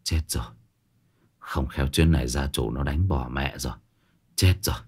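A man's voice: a bass voice, a little slow, a little mellow, voice pushed down. A man voicing a flustered young exorcist, muttering self-pityingly. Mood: dismayed. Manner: muttering, grumbling.

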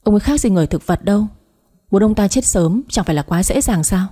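Woman putting on a nagging shrill stepmom, bit higher, husky warm tone underneath. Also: lively intonation, fast talker, natural voice. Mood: quarrelsome. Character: scheming young stepmother, shrill and quarrelsome.

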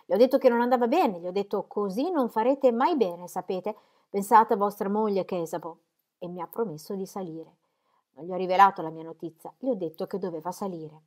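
A woman reading aloud voices a fussy, rambling older gentleman who keeps repeating himself in friendly chatter. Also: medium pitch, fairly quick, natural voice. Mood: chatty.

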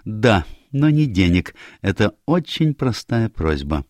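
A man's voice: on the low side, very animated, takes it slowly, darkish tone, no room sound, studio quality, pitched above the performer's own voice. A man voicing a commanding, self-assured older detective in a read-aloud story, precise in manner. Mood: explaining. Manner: authoritative, precise.

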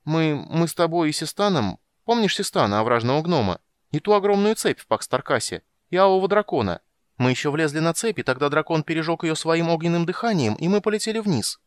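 A small, curious kender with a voice raised well above the reader's own, as a man puts him on. He tells his tale eagerly and breathlessly, with a lively, bouncing pitch. The recording is dry and close. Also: brisk, clean tone, dry recording, natural voice. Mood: excited.

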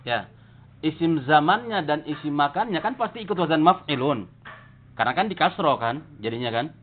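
A man with a fairly high voice leads a grammar lesson, walking through each rule and stopping to ask the class whether it is clear. The recording is thin and phone-like, squeezed into a narrow band. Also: lively intonation, normal speed. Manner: explains step by step, checks the class with "paham?" and "jelas?". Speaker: Arabic grammar teacher. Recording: tinny phone-like audio.

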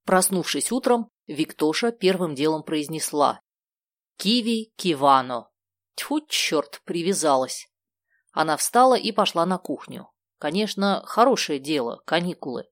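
A woman narrating a children's book in a steady, clear storytelling manner. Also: deep voice, normal speed, no echo, studio quality. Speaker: audiobook narrator. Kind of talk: scripted narration.

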